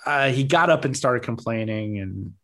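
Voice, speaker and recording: A man's voice: medium pitch, lively intonation, normal speed, a bit bright. Rambling, chatty male podcast co-host. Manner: rambling, self-questioning, laughs easily. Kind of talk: casual sports chat.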